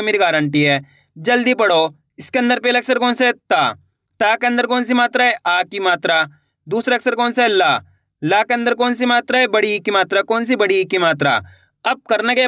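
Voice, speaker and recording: A Hindi reading teacher in a children's lesson, sounding out every word very slowly and then explaining at speed. The voice is bright and very crisp. The recording is dry and close, with almost no room sound. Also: medium pitch, no echo. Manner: asks rhetorical questions and answers them.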